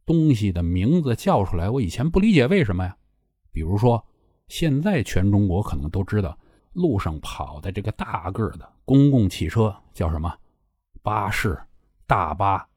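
Man, middle-aged, low mellow voice, dry close sound, wry chatty host. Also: husky, no room sound. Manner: chatty, wry storyteller addressing listeners politely. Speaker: podcast host. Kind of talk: casual solo chat.

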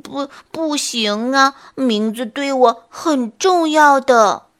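A woman voicing a clumsy, worried young male bear in a bedtime story, speaking slowly and haltingly. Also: high-pitched, a bit bright. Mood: anxious. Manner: slow, halting and fretful.

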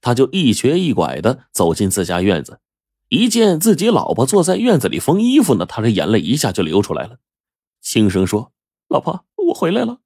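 A man telling a folk tale in a lively, dramatic storytelling manner, drawing out his phrase endings. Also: mid-range voice, a little fast, no echo, clean studio sound.

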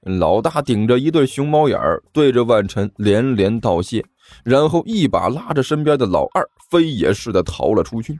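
A man narrating a comic novel as an audiobook in a lively storytelling manner. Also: medium pitch, moderate pace, dry recording. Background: faint music.

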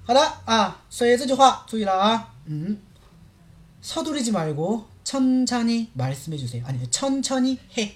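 Lively fast-talking woman teacher. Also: on the high side. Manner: lively, asks many rhetorical checks. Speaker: Korean language teacher. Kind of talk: livestream language lesson.

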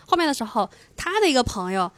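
A fast-talking woman with a slightly high voice chats on a podcast. She tells her stories with animation, acting out every quoted line. The sound is dry and close to the mic. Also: no echo. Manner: animated storyteller, acts out quoted dialogue. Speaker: podcast co-host. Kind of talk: casual podcast chat.

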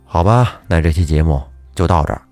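A man narrating a folk ghost story on a podcast in a chatty, lively way, with asides to his listeners. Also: deep voice, a little fast, no echo, faint music behind.

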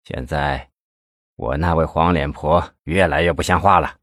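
A gloomy, self-pitying middle-aged mayor, as a male storyteller puts him on. He talks low and sighs heavily, his voice rising and sinking as he complains. Dry, close storybook sound. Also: sing-song, a little fast, husky, dry recording. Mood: gloomy, sighing. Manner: sighing, complaining, weary.

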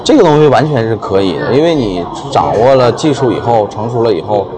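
Man, shop owner from China, casual interview answers, medium pitch, crowd chatter. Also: lively intonation, brisk. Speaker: milk tea shop owner being interviewed. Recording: busy crowd chatter behind.

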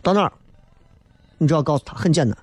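A man's voice: on the high side, animated, fast, slightly rough, no room sound. A man from Xi'an with a Shaanxi accent, hosting a humorous, colloquial monologue and slipping into mimicry for comic effect. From Xi'an, Shaanxi, China. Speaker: comedy show host. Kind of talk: humorous observational monologue on local dialect and city life.

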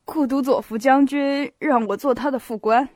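A woman playing a weary aloof young prince, languid slow delivery, dry storybook read. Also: high-pitched, steady tone, a little mellow, no room sound.

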